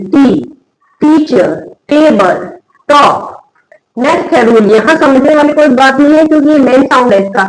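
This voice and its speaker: A woman with a high voice gives an English spelling lesson. She talks slowly and spells each word out letter by letter. She keeps asking simple questions and then answers them herself. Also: poor audio. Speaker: English teacher. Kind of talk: Hindi-medium spelling lesson.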